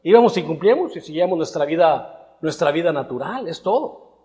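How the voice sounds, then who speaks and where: A man's voice: fairly high pitch, lively intonation, brisk, dark tone. Preacher man in a reverberant church. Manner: conversational, building to emphatic rhetorical questions. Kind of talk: sermon. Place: church hall. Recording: long reverb of a church hall.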